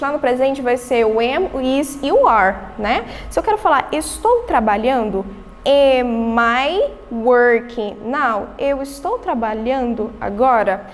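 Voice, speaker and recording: A woman's voice: high-pitched, in a large hall, a little hiss or hum. A woman with a Brazilian Portuguese accent, an English teacher giving a recorded remote lesson, explaining step by step and answering her own questions.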